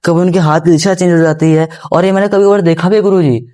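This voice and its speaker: A young man speaks as a podcast guest, his voice pitched slightly high yet soft and mellow in tone. He tells his story earnestly, circling back and repeating himself. He turns often to address the host with respect. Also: steady tone, quick pace. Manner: rambling, with restarts and repeated phrases. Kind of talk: casual first-person storytelling.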